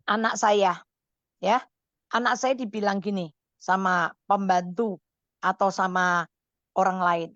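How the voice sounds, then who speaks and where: A woman counselor on a radio call-in show, giving motherly advice in a lively, caring way. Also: medium pitch, takes it slowly, long pauses, dry recording, muffled recording.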